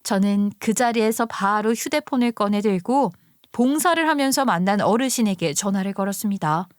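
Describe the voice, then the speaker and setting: A woman narrating a story in a calm, matter-of-fact way. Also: medium pitch, normal speed, no echo, clean studio sound.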